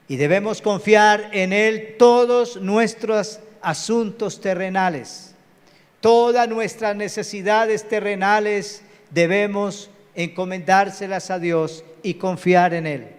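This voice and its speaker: A man preaching a live church sermon as pastor, calling on the congregation to say amen. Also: high-pitched. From Colombia. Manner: preachy, calls out to the congregation for amens. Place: large church hall. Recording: reverberant church hall.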